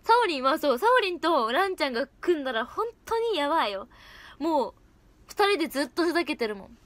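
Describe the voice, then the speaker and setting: Giggly high-voiced young woman chatting. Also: very animated, fairly quick, fairly bright tone, no echo. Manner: giggly, chatty, reacts to comments. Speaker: idol livestream host. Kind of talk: casual livestream chat reading comments.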